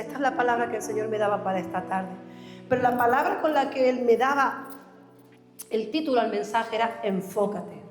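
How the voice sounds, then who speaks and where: A woman with a fairly high voice preaches with fervor to her congregation. Her words ring through a large, reverberant church hall, with soft music underneath. She often voices the people in the story she tells. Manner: fervent preaching, voices the crowd and the blind man when retelling. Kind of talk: sermon.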